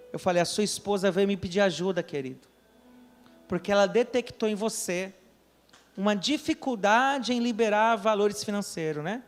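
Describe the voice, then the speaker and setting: High-voiced pastor preaching in a church hall. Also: male voice. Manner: storytelling, acts out the people he quotes, asks the congregation questions. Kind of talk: sermon with acted dialogue. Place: church during a service.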